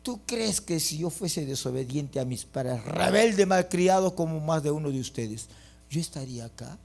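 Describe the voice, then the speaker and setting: A middle-aged man preaching a fiery sermon as pastor, breaking into loud bursts and acting out quotes. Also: fairly high pitch, expressive, normal speed, vocal fry.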